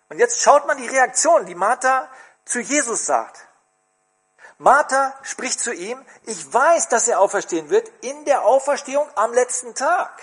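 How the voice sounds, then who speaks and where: Male preacher, high husky voice, animated delivery, questions to the congregation. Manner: expressive, asks the congregation questions. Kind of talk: sermon.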